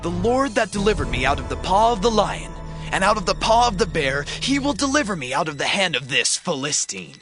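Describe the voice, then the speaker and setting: A bold young shepherd hero played by a man in a scripture drama. His voice is high and forceful, swinging widely as he declaims with devout, earnest passion. Music plays faintly behind him. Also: big pitch swings, a little fast, exaggerated voice. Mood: confident.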